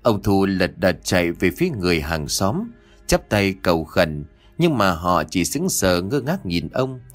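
Male storyteller for a horror audiobook: low, dramatic, widely swinging pitch. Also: a little slow, soft background music. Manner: dramatic, expressive reading. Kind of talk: scripted horror story narration.

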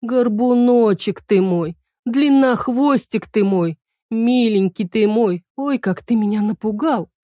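A woman doing a sharp-tongued old witch healer. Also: mid-range voice, animated, moderate pace, no echo, studio quality, natural voice. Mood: doting. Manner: scolding, teasing, mocking.

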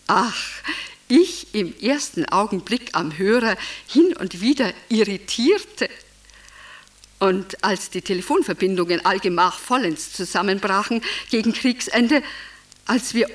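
A woman's voice: medium pitch, a bit bright. An actress performing a radio play monologue as a dreamy, wistful older widow who muses and sighs as her thoughts wander. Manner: wandering, musing, sighing asides.

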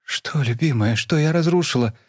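A frightened mother pleads in a halting, raised voice, as a male narrator puts her on. She sounds bewildered and speaks slowly, stumbling over her words. The sound is dry and close. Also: a little high, no room sound, voice pushed up, lightly acted. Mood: pleading.

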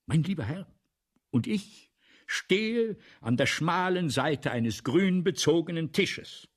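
An actor in a German radio play as Balzac, a vain, excitable, self-dramatizing playwright in debt, declaiming theatrically and abruptly dropping to a murmur. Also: male voice, on the high side, slow pace. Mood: grandiose.

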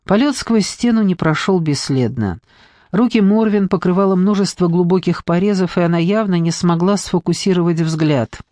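A man narrating an audiobook in an even, measured storytelling manner. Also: sits high, no echo, clean studio sound.

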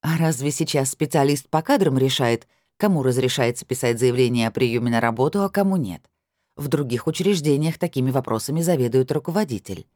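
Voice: medium pitch, expressive, brisk, darkish tone, no echo, clean studio sound, close to an everyday voice. A reader voicing an indignant young brunette woman who fires pointed questions.

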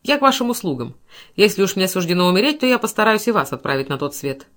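A woman voicing a cold, calm, menacing male banker who speaks with icy mockery. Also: mid-range voice, fast talker.

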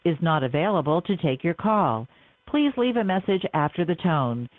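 A woman's recorded voice giving answering machine message prompts over a phone line, in even, measured instructions. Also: lowish voice, no room sound. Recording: tinny dry phone line.

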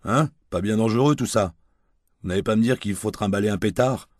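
A man's voice: on the low side, a little fast, dry recording, studio quality, pitched above the performer's own voice, natural voice. A man doing a drunk, self-pitying aging gigolo. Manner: coarse slangy rambling, whiny.

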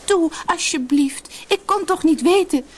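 A woman's voice: mid-range voice, very animated, moderate pace, a little mellow, slight background noise, voice pushed up, natural voice. Woman voicing proud young island beauty. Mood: pleading. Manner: haughty, then pleading and desperate.

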